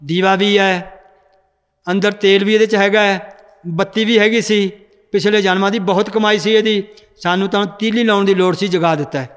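A serene holy teacher, played by a male storyteller speaks slowly and consolingly. The voice is high, smooth and resonant. A long reverb fills the hall behind him. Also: fairly even intonation. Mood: gentle. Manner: slow, gentle, consoling.

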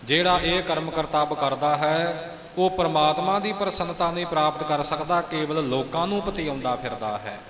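A man's voice: a little high, normal speed, a crowd in the background. A man teaching how to pronounce scripture correctly, mixing explanation with sung lines. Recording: echoey hall.

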